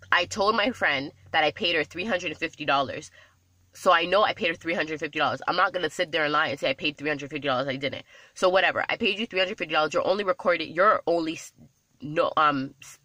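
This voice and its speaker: A woman telling a story to camera in a casual vlog, exasperated and animated, often repeating herself. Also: deep voice, no echo. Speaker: vlogger.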